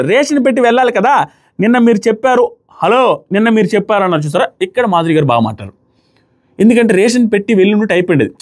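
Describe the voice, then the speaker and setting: A man casually recapping a reality show, acting out quoted arguments in shifting voices. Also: high-pitched. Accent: Telugu. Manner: animated, acts out quoted lines in shifting voices.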